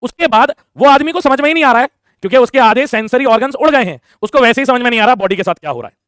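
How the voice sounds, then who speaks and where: A young man tells a school story at a rapid clip, his voice sitting high for a man. He acts out each character as he goes. The sound is dry and close. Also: dry recording. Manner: animated, acts out the teacher and classmates in quick voices. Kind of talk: casual storytelling.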